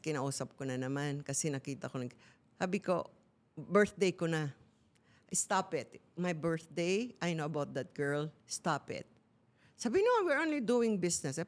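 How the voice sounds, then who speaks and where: Candid middle-aged woman, talk-show co-host, shares a personal story in casual chat. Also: deep voice. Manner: candid storytelling, mixing Tagalog and English.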